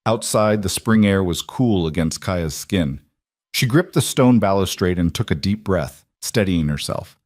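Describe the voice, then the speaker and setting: Male audiobook narrator, low voice, dry close sound, steady and dramatic. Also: no room sound.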